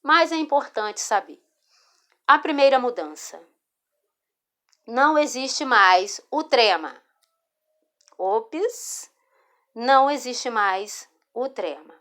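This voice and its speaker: This slow, patient teacher is a Brazilian woman whose fairly high voice sounds expressive, pushed and bright. Narrating a screen-recorded spelling lesson in a Brazilian Portuguese accent, she repeats words and checks in with "tá?". A phone or screen recorder mic picks her up.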